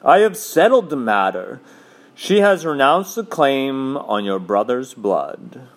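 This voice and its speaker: A man voicing a noble lion who speaks gravely and slowly. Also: very animated. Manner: grave, low and measured. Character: great grave male lion, noble and commanding.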